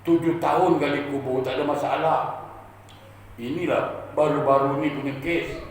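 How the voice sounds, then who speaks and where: Preacher acting a pleading gravedigger, echoey hall. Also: male voice, on the high side, fairly even intonation, a little hiss or hum, lightly acted. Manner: pleading, halting confession. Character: remorseful male gravedigger confessing, young man. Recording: echoey hall, distant mic.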